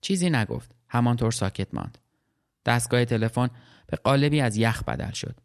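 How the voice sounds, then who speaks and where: Man, audiobook narrator, mid-range voice, calm, measured, reflective. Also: mid-range voice, gravelly. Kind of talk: audiobook story reading.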